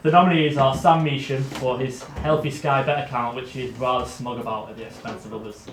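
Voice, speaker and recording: A man reads award nominations with dry, crude quips, at a middle pitch. He is heard from a distance in an echoey room, and clear background noise runs under his voice. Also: steady tone, a little fast. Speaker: awards presenter. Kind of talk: reading out nominations with jokes.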